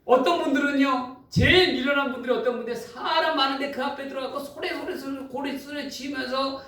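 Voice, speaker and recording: A man preaching a sermon as pastor, telling a story in an animated, emphatic way, in a church. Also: very high voice, a little fast. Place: church sanctuary. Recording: echoey hall, distant mic.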